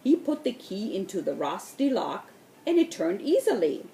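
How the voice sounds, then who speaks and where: A woman reading a children's storybook aloud in a slow, expressive way. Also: medium pitch, echoey room, a little hiss or hum. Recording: voice distant from the mic.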